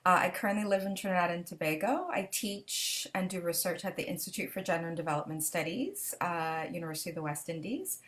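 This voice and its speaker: A woman's voice: lowish voice, fast talker, hardly any pauses, a bit bright. A woman from the Bahamas who teaches and researches, introducing herself on a virtual panel. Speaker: lecturer and researcher. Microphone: video call.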